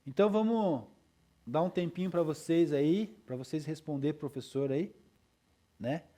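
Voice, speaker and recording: A man's voice: fairly high pitch, moderate pace, dark tone. A male teacher lecturing his class in a loose, chatty way, with frequent tag questions and checks for understanding.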